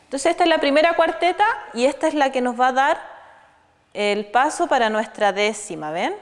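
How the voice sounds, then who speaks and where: Chilean woman, teacher explaining verse to kids, higher voice, long hall reverb. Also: lively intonation, normal speed. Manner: didactic, asks pupils questions. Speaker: folk music teacher. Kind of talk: online children's lesson on poetic verse.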